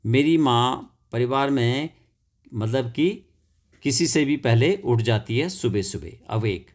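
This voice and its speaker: Man, English teacher, slow delivery, spells words letter by letter, repeats key words. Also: medium pitch, lively intonation. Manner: repeats words and adds "theek hai" checks. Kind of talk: classroom lesson explanation.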